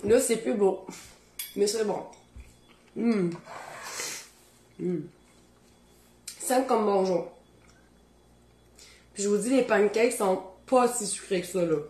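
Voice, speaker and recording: A woman with a Beauce Quebec French accent hosts a casual cooking show from her home kitchen. She talks to viewers in a chatty, animated way as she tastes her food, with a voice of middling pitch. The kitchen sounds echoey, with dishes and pans clattering behind her. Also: slow pace, long pauses, slight background noise.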